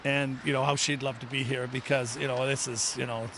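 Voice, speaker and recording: Speaking fairly quickly in a level, mid-range voice, the player's father, a middle-aged man from a first-generation Irish family, rambles casually as an interview guest. He keeps saying "you know" and restarting sentences, and the background is noisy.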